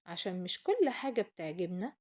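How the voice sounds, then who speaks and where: A woman's voice: lowish voice, sing-song, a little fast, a little mellow. A woman with an Egyptian accent voicing a magic talking chair in a children's story, grand and inviting like a guide. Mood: guiding.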